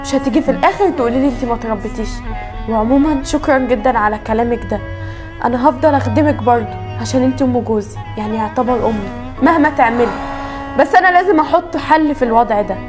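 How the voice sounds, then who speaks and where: A wronged young wife, pregnant, proud but polite, acted by a woman in an Egyptian web drama. She speaks Egyptian Arabic very fast and high, in a pleading, defensive manner. Clear music runs underneath. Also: close to an everyday voice.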